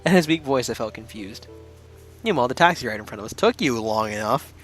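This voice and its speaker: A man's voice: medium pitch, animated, quick pace, soft background music. A man co-hosting a casual game playthrough, joking, laughing often and reading the game's narration aloud. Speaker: co-host playing and reading a visual novel. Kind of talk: casual let's-play chat with read-aloud narration.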